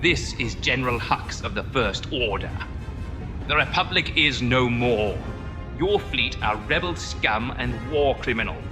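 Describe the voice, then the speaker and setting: A man's voice: medium pitch, expressive, unhurried. A man voicing a ruthless male space-fleet general who barks clipped, contemptuous orders, his voice run through an AI voice filter. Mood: cold. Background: loud dramatic music.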